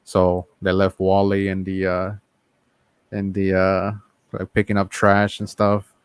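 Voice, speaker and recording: A man's voice: deep voice, completely flat delivery, a little slow, clean tone, no room sound, studio quality. A man in a casual group chat who speaks hesitantly, with many ums and uhs.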